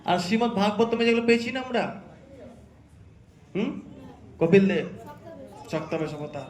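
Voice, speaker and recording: A man's voice: high-pitched, animated, normal speed. A man teaching a religious class, quizzing the students and checking often that they follow. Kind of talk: interactive scripture class. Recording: echoey hall with crowd.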